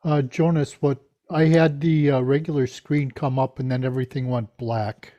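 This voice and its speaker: A man's voice: medium pitch, steady tone, moderate pace, mellow, lo-fi sound. A man on a video call, puzzled, describing a problem step by step. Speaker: workshop participant. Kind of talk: casual video call question.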